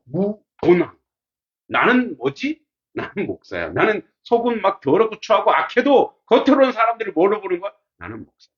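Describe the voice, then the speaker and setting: A male pastor teaching a classics class in a casual, animated way, asking his students many rhetorical questions. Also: high voice, normal speed, husky, muffled recording.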